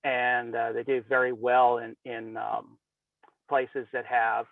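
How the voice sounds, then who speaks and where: A man calling in by cell phone while driving, speaking in a halting, rambling way with many fillers and restarts. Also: medium pitch, level tone, gravelly, no room sound. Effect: calling in by cell phone from a moving car. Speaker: caller. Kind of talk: call-in open mic. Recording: tinny distant phone line.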